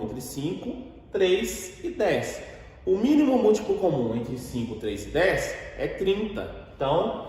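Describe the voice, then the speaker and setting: Guy teaching math step by step, bit high voice, lots of rise and fall. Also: a little mellow. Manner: explains slowly, asks and answers his own questions. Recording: very echoey room with long reverb.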